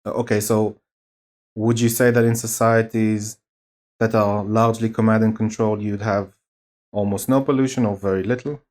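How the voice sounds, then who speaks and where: A man explaining his arguments in an informal political debate, halting and deliberate as he builds each point. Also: fairly low pitch, level tone, darkish tone.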